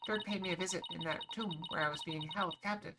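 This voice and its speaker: A woman's voice: lowish voice, fast talker, heavy background noise, lightly acted. A woman voicing an earnest, hesitant young female spirit medium in a game dialogue read-through. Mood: sad, earnest. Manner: hesitant, sincere.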